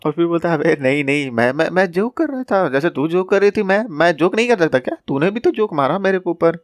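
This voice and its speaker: Young male recap narrator, slangy and joking, slightly high voice, dry close mic. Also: no echo. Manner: slangy, joking asides, acts out lines. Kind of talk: casual recap storytelling.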